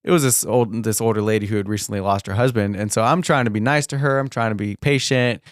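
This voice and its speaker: A man's voice: fairly low pitch, fast talker, no room sound, clean studio sound. A young man co-hosting a podcast, telling a long story in a rambling, casual way, laughing often and saying "like" a lot. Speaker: podcast co-host.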